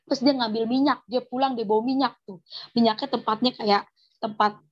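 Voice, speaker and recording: Woman w telling her faith story, husky high voice, pretty emotional, muffled lo-fi sound. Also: steady tone, a little fast. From Indonesia. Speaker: testimony giver. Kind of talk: personal religious testimony. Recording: dull lo-fi recording.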